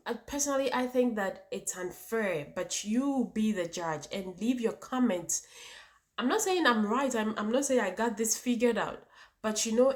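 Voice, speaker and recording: Emphatic Ghanaian woman vlogger. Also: on the high side. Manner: emphatic, with repetition and rhetorical questions. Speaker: vlogger and channel host. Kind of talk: opinionated personal talk to viewers.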